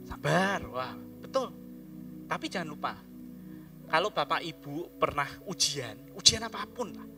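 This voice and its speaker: A male pastor giving an animated sermon, swinging from loud calls to hushed words. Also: a little high, unhurried, music in the background.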